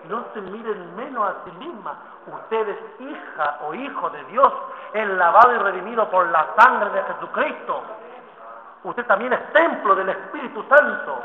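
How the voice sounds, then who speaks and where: A man preaching a sermon as a guest preacher, impassioned and building to shouts. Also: high-pitched, expressive, measured pace. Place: church. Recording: echoey church hall over tinny line.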